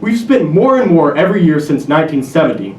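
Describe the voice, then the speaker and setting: A man's voice: big pitch swings, fast talker, a little mellow. A man in his twenties giving a persuasive competition speech as a student contest speaker, earnest and argumentative with dry humor. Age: 20s. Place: university lecture hall. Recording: echoey hall from far off with faint rumble.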